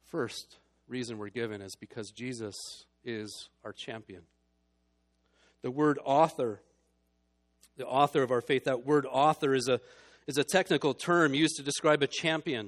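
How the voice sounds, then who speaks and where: A man preaching a sermon as pastor, moving between hushed, low passages and emphatic, building ones.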